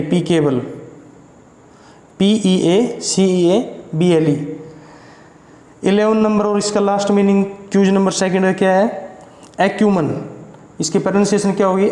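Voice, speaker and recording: Slow, high-voiced Indian teacher spelling words. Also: male voice, darkish tone. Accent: Indian English. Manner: corrects his own slips. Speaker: vocabulary teacher. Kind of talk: spelling-out vocabulary lesson. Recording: echoey room with long reverb.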